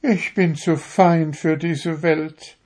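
A man voicing a vain, proud female darning needle in a fussy, high, self-important way. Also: steady tone, takes it slowly, a little mellow. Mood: haughty.

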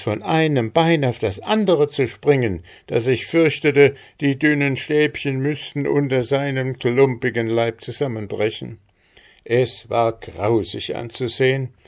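A man narrating a fairy tale in a measured, expressive storytelling manner. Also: medium pitch, gravelly. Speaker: audiobook narrator.

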